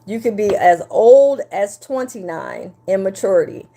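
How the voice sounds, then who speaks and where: Mellow-voiced woman coach, fifties, live stream. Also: mid-range voice, measured pace, a little hiss or hum. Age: 50s. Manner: animated, talks straight to the chat, repeats herself. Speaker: relationship coach. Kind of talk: live-stream talk to viewers.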